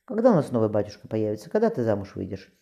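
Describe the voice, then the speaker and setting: A woman's voice: a bass voice, big pitch swings, rapid-fire, gravelly, warm tone, lo-fi sound, heavily acted. A man voicing a curious little girl, wistful and full of questions.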